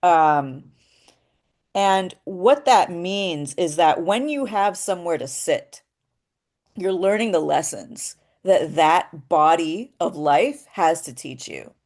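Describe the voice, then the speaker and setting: A woman with a fairly low voice teaches in a relaxed, conversational way. She talks her ideas through with a few "um"s and checks in with the listener as she goes. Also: slow pace. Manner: explanatory and thoughtful, with frequent "um" and "right?". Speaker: voice acting teacher. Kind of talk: casual spoken lesson.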